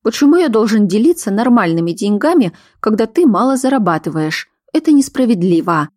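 A woman's voice: medium pitch, sing-song, a little fast, mellow. A sulky, resentful husband , read by a woman narrator, complains in a whiny, indignant tone. The voice is close and dry, with no room echo.

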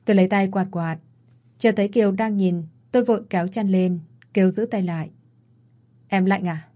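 Mellow-voiced woman reading a romance story. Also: medium pitch, fairly even intonation, moderate pace. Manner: reads all characters in one voice. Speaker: narrator.

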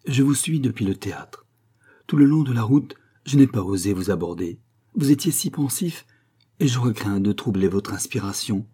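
A man's voice: on the low side, animated, normal speed, warm tone, slightly rough. A man playing a humble, pleading young poet. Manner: humble, imploring.

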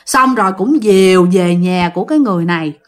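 A woman casually telling a ghost story, animated and speaking directly to her listeners. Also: fairly low pitch, a little fast.

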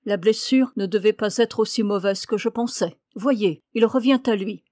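A woman reading an audiobook, voicing a stern male professor who investigates a shooting, speaking in a measured, authoritative way. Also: medium pitch, a little mellow, no room sound, studio quality, close to an everyday voice. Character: stern, sharp-eyed older male professor-detective.

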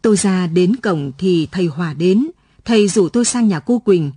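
Mellow husky woman reading a story. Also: lowish voice, moderate pace, no echo. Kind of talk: scripted story narration. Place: radio studio.

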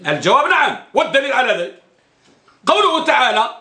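A man's voice: extremely high pitch, very animated, quick pace, pushed and bright. Man, religious teacher, classroom lecture, repeats key phrases, echoey room. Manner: asks the class questions and answers them himself. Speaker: Islamic studies teacher. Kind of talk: classroom lecture on a hadith text.

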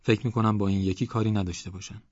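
A man voicing a gentle, earnest village preacher who speaks in a measured way. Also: lowish voice, fairly even intonation, dry recording, lo-fi sound, natural voice.

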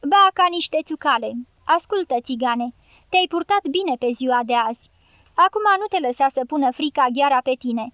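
A woman's voice: sits high, animated, no room sound, muffled recording. A woman reading a fierce foul-mouthed guerrilla woman. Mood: commanding. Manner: commanding, swearing. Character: fierce foul-mouthed middle-aged female guerrilla leader. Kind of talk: audiobook character reading.

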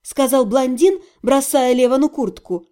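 Brief: woman audiobook narrator, high voice, mellow dark timbre, expressive first-person reading. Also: measured pace.

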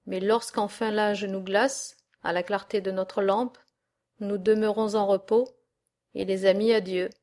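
A woman's voice: mid-range voice, steady tone, a little slow, darkish tone, close to an everyday voice. A solemn, kindly old farmer speaking to a young suitor, as a woman reader voices him. His lines stay close to her natural reading voice. It suits a storybook reading of a verse tale. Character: kindly old male farmer, warm-hearted father.

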